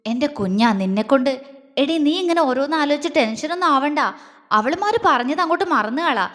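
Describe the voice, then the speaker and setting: A woman voicing an affectionate young man who coaxes and teases softly in an audio story. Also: high voice, lively intonation, a little fast, big-room sound. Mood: tender. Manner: soft, coaxing, playful. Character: teasing affectionate young man, tender lover.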